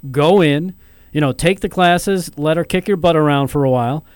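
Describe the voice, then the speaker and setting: A male host with a fairly high voice leads an interview in a relaxed, affirming way. He stumbles over a word now and then, and his voice sounds close and dry. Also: normal speed, clear, resonant tone, no echo. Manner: relaxed, affirming, some repeated words. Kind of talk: talk show interview.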